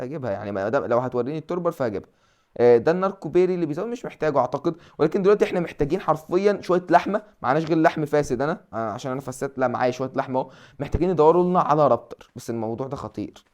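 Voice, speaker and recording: Young egyptian guy rattling off game commentary super fast, rambling and joking at himself. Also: medium pitch, darkish tone. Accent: Egyptian Arabic. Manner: chatty, self-mocking, thinking aloud with many fillers. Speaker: gaming channel host. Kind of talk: casual mobile game commentary.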